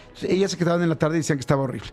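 A man with a Mexican Spanish accent, a radio host telling a story in a casual, animated way and acting out the sounds. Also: a little high, racing. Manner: animated, acts out sounds and voices. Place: radio studio.

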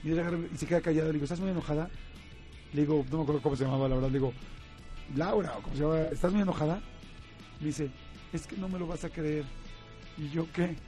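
A man with a Mexican accent telling a story in casual chat, animated, laughing often and acting out quoted voices. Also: a little high, quick pace, long pauses, soft background music. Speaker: guest.

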